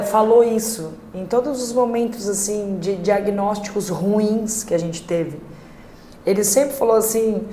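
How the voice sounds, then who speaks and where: A Brazilian woman telling her family story as a podcast guest, halting and emotional, with many fillers. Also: medium pitch, darkish tone, slight background noise. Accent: Brazilian Portuguese. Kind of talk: personal testimony in a podcast. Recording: echoey room.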